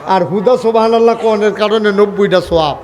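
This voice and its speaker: A man preaching a waz sermon in colloquial speech, firing questions at the crowd for answers and rising to shouts and chanted lines. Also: high voice, brisk. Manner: calls questions to the crowd for replies; lively, rises to shouts, chants some lines. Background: crowd at an open gathering.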